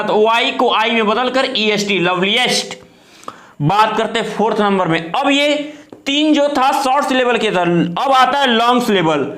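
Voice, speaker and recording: A male teacher walks through the grammar rules one step at a time. He keeps asking his own questions and then answers them. His voice sits very high for a man, and the room around him rings with echo. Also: bright, forceful tone. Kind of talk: classroom lecture.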